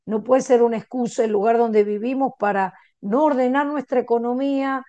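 A woman's voice: on the high side, moderate pace, warm tone, no room sound, highs cut off. A woman pastor with an Argentine Spanish accent, preaching earnestly and encouraging her listeners. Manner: earnest and encouraging, laughs between stories. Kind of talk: sermon with personal anecdotes.

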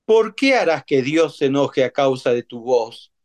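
A man's voice: medium pitch, sing-song, a little slow. A man preaching a sermon in an emphatic way, repeating phrases and asking his congregation rhetorical questions.

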